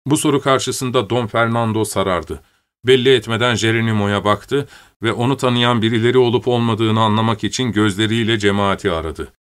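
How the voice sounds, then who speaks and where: A man narrating an audiobook in a steady, measured reading voice. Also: on the low side, clean tone.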